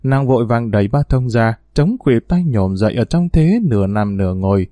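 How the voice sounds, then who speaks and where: Mellow-voiced male audiobook narrator. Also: mid-range voice, expressive, fairly quick, no echo, clean studio sound.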